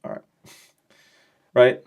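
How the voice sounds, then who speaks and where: A young man gives a slow, casual trading lesson over his screen as a trading educator. He explains things in a loose, chatty way, with slangy joking asides and lots of check-in questions.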